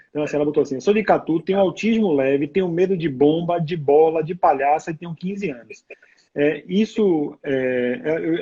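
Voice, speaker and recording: Man, live host; husky, a bit high, reads comments, dull lo-fi call sound. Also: a little mellow. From Brazil. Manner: reads viewer comments, hesitant restarts. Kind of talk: casual live interview. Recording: dull lo-fi video call audio.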